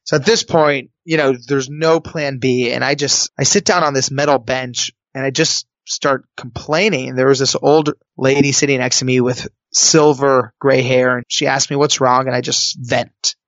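A man telling a personal story in a lively, comic, conversational way on an interview. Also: medium pitch, normal speed, hardly any pauses, dry recording, lo-fi sound. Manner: lively, comic, jumps into quoted voices.

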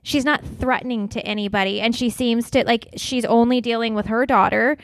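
A woman's voice: fairly high pitch, fairly even intonation, brisk, no room sound, clean studio sound. A woman co-hosting a casual podcast, chatty and reactive, often restarting her sentences. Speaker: podcast co-host. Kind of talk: casual chat.

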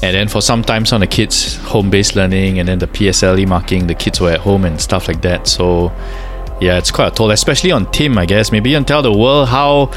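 Low-pitched Singaporean man, casual podcast chat. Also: steady tone, a little fast, faint music behind. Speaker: paranormal podcast co-host.

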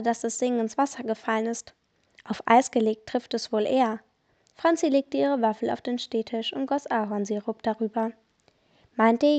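A woman podcaster reading a children's mystery story aloud in steady storybook narration. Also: on the high side, dull audio. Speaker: podcast reader.

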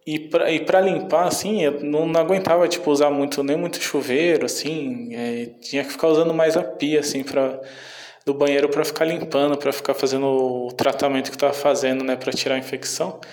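A man's voice: a little high, steady tone, fairly quick, darkish tone. A man with a Brazilian Portuguese accent telling a story casually in a meandering, hesitant way.

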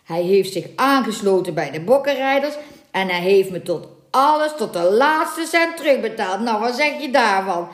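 A woman's voice: medium pitch, animated, moderate pace, lightly acted. A woman doing a gloating village priest. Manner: gloating, boisterous laughter. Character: boastful sly older male village priest. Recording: echoey room.

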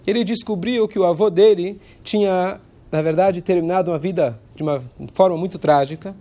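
Hoarse from a cold, a man with a high-pitched, dark-toned voice gives an informal religious lesson. He talks conversationally, sometimes pausing to search for words.

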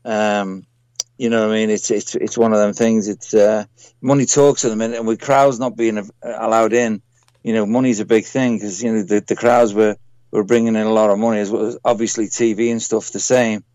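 A man with a British accent chatting casually as an interview guest over an internet call, halting and repeating himself. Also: fairly low pitch, little pitch movement, darkish tone, dry recording. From United Kingdom. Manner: halting, repeats words and phrases. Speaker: boxing trainer, interview guest. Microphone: Skype call. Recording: internet call on a radio show.

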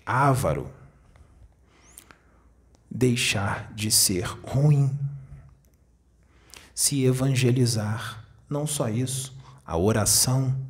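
A man with a Brazilian Portuguese accent giving a spiritual sermon as a spiritist medium, speaking slowly and deliberately and asking his listeners rhetorical questions. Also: medium pitch.

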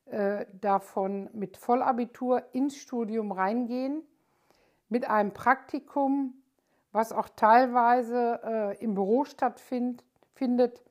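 An older woman, an architect, hosts her own podcast in a casual monologue. Her voice sits on the high side, steady and darkish, and she takes it slowly, speaking thoughtfully and hesitantly with many filler sounds.

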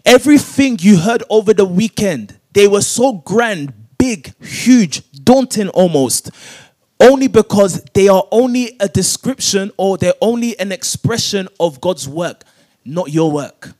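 A man's voice: sits high, expressive, measured pace, darkish tone. A man preaching a sermon, calling for verses to be read aloud and repeating them with rising emphasis. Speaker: pastor. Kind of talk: sermon with call-and-response scripture reading.

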